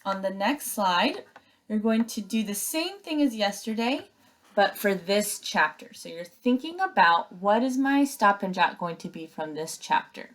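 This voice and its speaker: A woman teacher, speaking at a measured pace in a mid-range voice, reads aloud and takes young pupils through instructions one step at a time, with an expressive, emphatic delivery.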